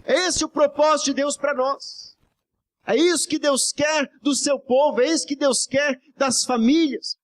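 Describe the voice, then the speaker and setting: A man's voice: very high voice, fairly even intonation, unhurried. A man, a pastor, preaching a fervent evening sermon in church, exhorting the congregation and often calling out to the brothers and asking for amens. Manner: constantly addresses "brothers" and asks for amens. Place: church service before a congregation.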